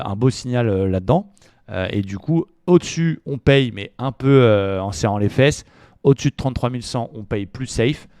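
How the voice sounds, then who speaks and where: A man walking through his trading plan in a relaxed, chatty way, full of fillers and slangy asides. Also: mid-range voice, clear, resonant tone, no echo, studio quality. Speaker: trading educator. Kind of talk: casual market analysis video.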